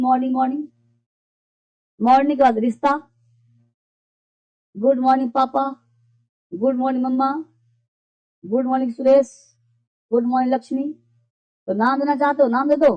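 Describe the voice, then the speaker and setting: A woman teaches a basic English class, patiently explaining phrases and quizzing her students with repeated questions. Her voice is high-pitched with a darkish tone, captured in a dull lo-fi classroom recording.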